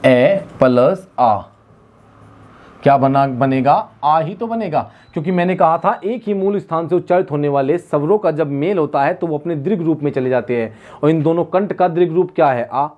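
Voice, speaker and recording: A man's voice: on the high side, highs cut off. Male Hindi teacher quizzing himself aloud. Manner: repetitive, asks rhetorical questions and answers them himself; drills by repeating words slowly. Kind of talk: exam-prep classroom lecture.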